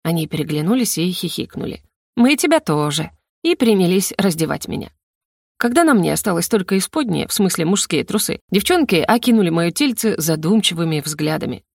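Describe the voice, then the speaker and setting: A woman's voice: on the low side, expressive, a little fast, creaky, a little mellow, husky, no room sound, studio quality. A woman narrating a first-person fantasy audiobook with a wry storytelling manner.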